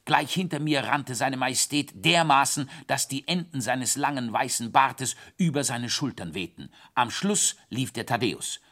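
A man narrating a children's story in the first person, with animated, dramatic delivery. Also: medium pitch, normal speed, few pauses.

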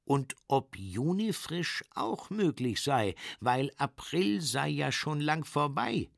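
A man's voice: on the high side, big pitch swings, takes it slowly, creaky, dry recording, studio quality, voice pushed up, exaggerated voice. A man voicing a naive, friendly male dragon in a children's story, asking earnest, ponderous questions.

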